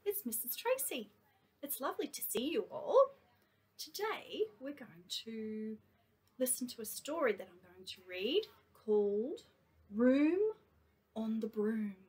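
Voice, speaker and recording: Female kindy teacher, slow, expressive storybook read-aloud. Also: on the high side, breathy edge. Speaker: kindergarten teacher. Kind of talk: reading a picture book to children.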